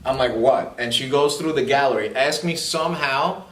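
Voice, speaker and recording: A man's voice: medium pitch, moderate pace, recorded from a distance. Brash man telling stories in a roomy room. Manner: brash, boastful, joking. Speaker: podcast co-host. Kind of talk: casual chat, crude storytelling. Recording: roomy, from away from the mic, faint noise.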